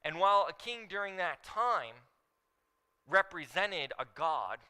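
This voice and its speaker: Male pastor, sermon in a church, ringing bright tone, smooth and clear, emphatic teacher. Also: high voice, big pitch swings, a little slow, rough recording. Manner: emphatic, stresses key words while teaching. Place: church sanctuary.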